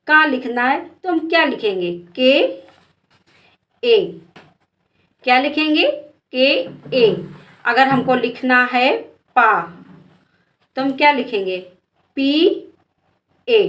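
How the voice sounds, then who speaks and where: A woman's voice: high voice, fairly bright tone. A woman teacher giving a spelling lesson to children, asking questions and spelling out letters patiently.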